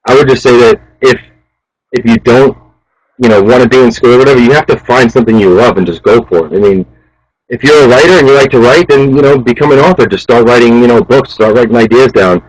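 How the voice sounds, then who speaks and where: A man in his thirties, a chef interviewed as a guest, talking casually and urging people on in a fast, animated way. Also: mid-range voice, no room sound, rough recording. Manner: fast, animated, motivational, says "man" a lot.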